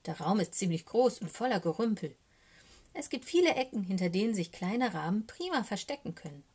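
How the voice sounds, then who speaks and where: Breathy, expressive woman reading a storybook. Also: mid-range voice, fairly quick. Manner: expressive, dropping to whispers for suspense. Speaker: narrator.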